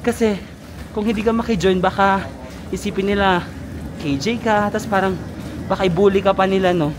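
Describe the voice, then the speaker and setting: A man's voice: high-pitched, moderate pace, background noise. A young man in his twenties from the Philippines, vlogging outdoors in a snowy city, chatty and laughing often, out of breath from the cold. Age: 20s. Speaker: travel vlogger. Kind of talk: casual vlog narration.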